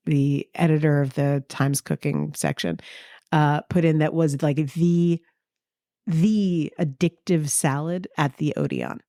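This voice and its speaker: A woman's voice: low voice, mellow, dry recording, clean studio sound. A woman co-hosting a podcast in casual conversation, chatty and given to telling anecdotes. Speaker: podcast co-host.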